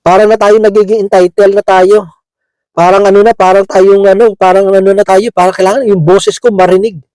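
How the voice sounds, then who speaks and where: A man's voice: high voice, level tone, fairly quick, mellow, smooth, no room sound, low-quality recording. A man preaching a conversational sermon, chuckling often and checking in with his listeners, slipping English words into his talk. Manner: chatty, keeps asking "di ba?", chuckles often.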